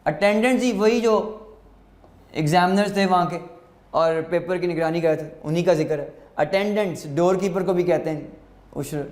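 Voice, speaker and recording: Guy teaching english words, high voice, slow dictation, echoey room. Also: darkish tone. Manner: slow, deliberate, repeats words for students to note down. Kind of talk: vocabulary lesson, dictating word meanings.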